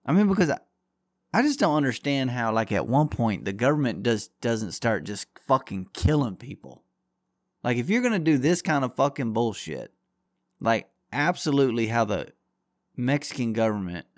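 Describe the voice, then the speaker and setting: In a studio-quality, echo-free recording, a man with a mid-range voice runs his podcast solo. He rants crudely and combatively, wandering from point to point and swearing constantly.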